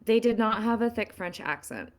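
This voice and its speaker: A woman's voice: on the high side, expressive, moderate pace, natural voice. A woman playing a hesitant, apologetic witness. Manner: hesitant, apologetic, says she sounds sarcastic. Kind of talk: roleplay in a live-streamed game.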